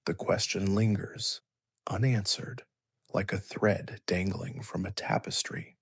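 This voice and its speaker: A man narrating a scripted bedtime story as a sleep story narrator, in a soothing, measured, hushed delivery. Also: sits low, fairly even intonation, creaky, breathy edge, dry recording, studio quality.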